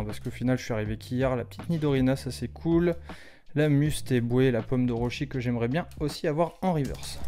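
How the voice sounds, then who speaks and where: A man in his thirties opening trading cards on his channel, chatting casually and exclaiming loudly over his pulls. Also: mid-range voice. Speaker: card-opening YouTuber. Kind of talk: casual vlog commentary.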